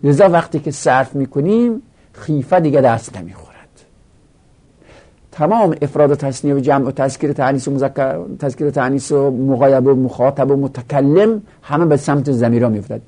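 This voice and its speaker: A man's voice: mid-range voice, dark tone. Male teacher, grammar lesson; rhythmic recitation of paradigms, patient stepwise explanations. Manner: recites verb conjugations in a rhythmic drill. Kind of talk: Arabic grammar lesson taught in Persian.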